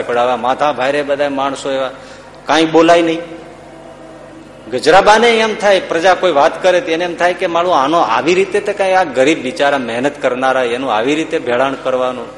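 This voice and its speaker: Man telling a dramatic folk tale. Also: mid-range voice. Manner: vivid, rising to loud bursts at dramatic moments. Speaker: storyteller. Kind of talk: dramatic folk storytelling discourse. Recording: echoey hall with faint hum.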